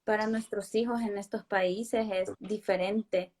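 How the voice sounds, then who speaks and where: A woman's voice: medium pitch, fairly even intonation, a little slow, darkish tone. A woman from Honduras in her thirties, a guest in a conversational interview, who talks emphatically and repeats words for stress.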